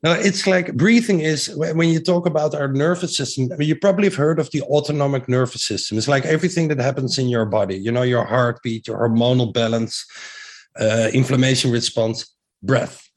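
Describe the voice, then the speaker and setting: This middle-aged interview guest, strongly Dutch-accented, rambles eagerly about his breathing work, restarting sentences and filling gaps. His voice is medium-pitched and a little fast.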